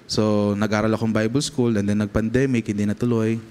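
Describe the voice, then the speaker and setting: A man's voice: on the low side, level tone, brisk, mellow, smooth. Preaching man with a Filipino accent in a reverberant church. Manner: mixes Tagalog and English, frequent "okay?" checks to the congregation. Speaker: pastor. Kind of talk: sermon with personal testimony. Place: church sanctuary. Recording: long reverb of a church hall.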